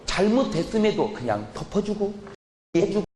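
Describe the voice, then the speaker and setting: A man preaching a sermon as a pastor, putting questions to the congregation and answering them himself, sometimes shouting in mock anger. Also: sits high, sing-song, normal speed. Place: large church hall. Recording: echoey church hall with room noise.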